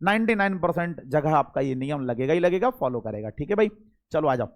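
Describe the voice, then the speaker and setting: A man's voice: on the high side, expressive, fairly quick, creaky. A young man, teaching a classroom lecture, chatty, talking straight to his students and repeating key words. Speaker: Hindi teacher.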